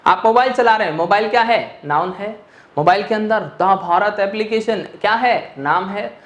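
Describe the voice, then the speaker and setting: A man's voice: sits high, normal speed, a bit bright. A male English teacher lecturing an online class, asking questions and answering them himself, mixing English phrases into his explanation. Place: teaching room with a board. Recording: echoey room.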